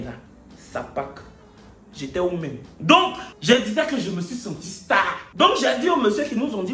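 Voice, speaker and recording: A man vlogging, telling a comic story to camera in an animated, mock-indignant, boastful way. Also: high-pitched. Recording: roomy echo, faint music behind.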